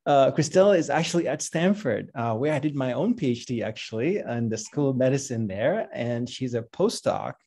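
Man hosting a video call, mellow voice. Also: medium pitch, expressive. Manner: warm, halting, with restarts and laughs. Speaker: host. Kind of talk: casual spoken introduction. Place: home room with bookshelves.

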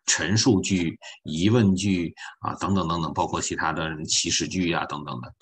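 Man, low voice, online French teacher, folksy, joking, repetitive. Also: a bit bright. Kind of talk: online language class.

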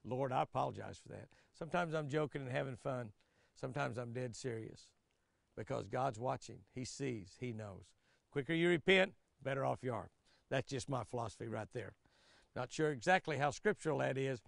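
A man's voice: mid-range voice, moderate pace, gravelly, dry recording, studio quality. An older man giving a folksy, chatty devotional and fishing tip outdoors on a lapel mic. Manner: folksy, chatty, lively, laughs often. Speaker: devotional host and fishing guide. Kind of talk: folksy daily devotional reading. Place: outdoors by a flowering tree.

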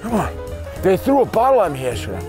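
Man, high animated voice, shouting and calling out, music under the outdoor take. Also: fast. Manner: loud calling out, urgent.

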